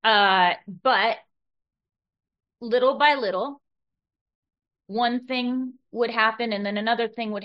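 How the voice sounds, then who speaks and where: A middle-aged woman speaks to a room full of people at a meeting, sharing her story in a loose, conversational way. She restarts her sentences often and keeps tossing out little rhetorical tags to the room. Her pitch sits in an ordinary middle range for a woman. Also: a bit bright. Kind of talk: personal share at a meeting.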